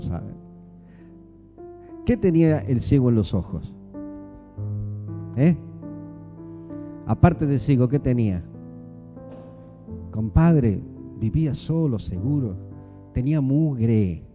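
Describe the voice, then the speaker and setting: A man preaching a sermon in a church with an Argentine Spanish accent, animated and full of rhetorical questions to the congregation. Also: mid-range voice, lo-fi sound. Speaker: pastor.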